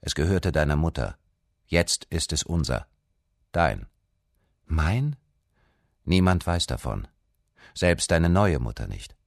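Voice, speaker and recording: Give me a stern, threatening Viking father, as a man reading a novel aloud plays him. The voice sits extremely low and husky, harsh and commanding in a dry recording. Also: big pitch swings, takes it slowly, long pauses, dry recording, heavily acted. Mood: secretive. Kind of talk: dramatic reading.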